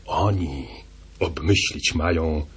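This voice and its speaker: A man's voice: extremely low pitch, takes it slowly. A man giving a theatrical reading of epic verse for an audiobook.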